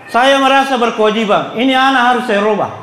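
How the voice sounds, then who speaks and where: A high-pitched middle-aged man with a South Sulawesi accent delivers a humorous sermon, spinning anecdotes and quizzing the crowd. His voice rings around a reverberant hall, with a faint murmur of listeners and some background hiss. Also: fast, fairly bright tone. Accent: South Sulawesi Indonesian. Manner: jokey storytelling, asks the audience questions. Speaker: Islamic preacher. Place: hall at a religious gathering. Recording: echoey hall with audience murmur.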